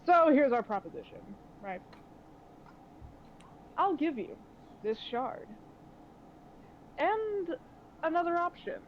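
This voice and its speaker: A woman's voice: very high-pitched, sing-song, slow, pauses often, pitched above the performer's own voice, heavily acted. A woman voicing a suave, scheming man who bargains with mock politeness in a tabletop game, on a slightly dull recording with faint noise. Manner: smooth, theatrical, mock-polite. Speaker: game master.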